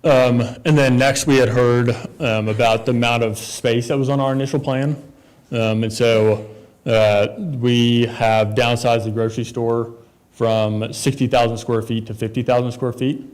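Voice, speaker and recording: A man's voice: mid-range voice, steady tone, unhurried, a little mellow. A man presenting as a developer at a town council meeting, talking casually with many fillers and restarts.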